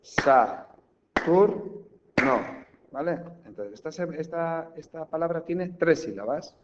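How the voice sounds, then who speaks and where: A man's voice: fairly high pitch, lively intonation. Man teaching syllables, muffled recording. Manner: clapping out syllables slowly, checking in with "¿vale?". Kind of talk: explaining a language lesson. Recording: slightly dull recording with faint background hiss.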